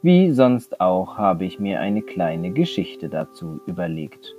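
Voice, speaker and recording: A male teacher narrates a children's story for a class in a calm, clear way. He speaks very slowly in a low voice. The recording sounds a little dull and lo-fi, with a faint guitar behind him. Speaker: primary school teacher.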